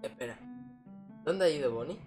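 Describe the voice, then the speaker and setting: A woman's voice: low-pitched, expressive, normal speed, warm tone, faint music behind. A woman chatting casually over a video game and reading its dialogue aloud.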